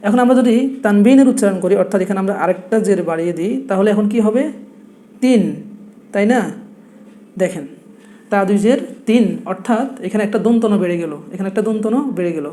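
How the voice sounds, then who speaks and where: A man's voice: high-pitched, fast talker, warm tone. A young man with a Noakhali Bengali accent, teaching a blackboard lesson and patiently repeating each point with rhetorical questions. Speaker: Quran teacher.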